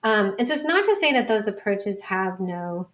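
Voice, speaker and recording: Speaking at a moderate pace, a woman with a medium pitch and fairly bright tone sounds very animated. The data researcher and book author is a guest on a conversational podcast, explaining informally with plenty of "like," "sort of," and "you know."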